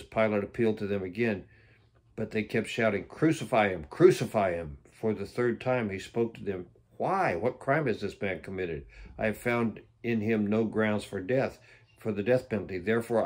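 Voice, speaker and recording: A man's voice: fairly low pitch, a little mellow. A man reading Bible passages aloud for a daily devotion, breaking off now and then for plain, offhand comments. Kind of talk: Bible reading with casual asides.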